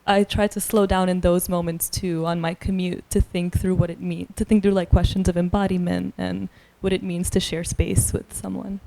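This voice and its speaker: A woman's voice: on the low side, little pitch movement, normal speed, vocal fry, hardly any pauses, warm tone, slight background noise. A woman on a panel at a book reading, speaking reflectively. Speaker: author on a panel.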